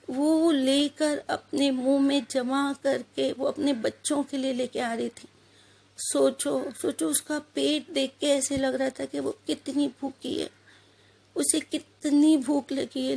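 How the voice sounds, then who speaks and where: A woman's voice: high voice, gravelly, darkish tone. A woman in her thirties giving a religious talk, telling a personal story earnestly and putting questions to her listeners. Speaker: religious speaker.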